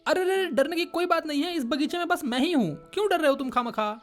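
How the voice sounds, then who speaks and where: Woman doing a gentle old grandpa-type gardener, patient and fatherly, cartoon lesson voice, sits fairly high. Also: fast, soft background music, natural voice. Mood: coaxing. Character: kindly old man gardener with a tin leg.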